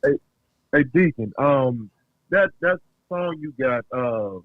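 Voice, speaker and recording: Caller: a man on a thin phone line, halting and rambling, dry close sound. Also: mid-range voice, expressive, no room sound. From North Carolina. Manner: halting, rambling, many pauses. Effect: heard over a phone line. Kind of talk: casual call-in chat.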